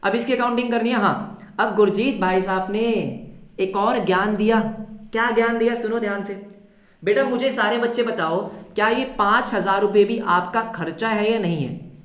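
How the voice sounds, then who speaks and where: Brief: energetic male accounting teacher, quizzes the class, answers in the students' voice, echoey room. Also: high voice, normal speed. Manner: mixes English terms into Hindi. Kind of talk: live online class lecture. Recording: roomy echo.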